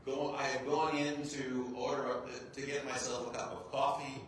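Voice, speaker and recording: Here a rabbi's medium-pitched voice moves little in pitch, at normal speed, as he talks informally to a group. He's from the United States with English as his first language, and he jokes about himself while often asking "right?" The large room is very echoey, picked up by a distant clip-on mic with faint noise.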